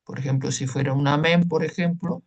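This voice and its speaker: A man's voice: on the high side, steady tone, brisk. A man teaching a Hebrew class online, explaining patiently and checking in with listeners as he goes.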